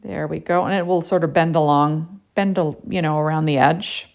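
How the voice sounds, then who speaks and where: A woman's voice: low-pitched, fairly even intonation, normal speed, vocal fry. A woman narrating a casual card-making tutorial in a chatty way, with lots of "you know" and "right?".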